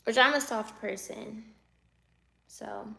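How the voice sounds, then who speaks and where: Reading her chat on a livestream, a twenty-something woman teases and laughs while responding to viewers. She talks slowly in a fairly high, gravelly voice with a sharp edge to it.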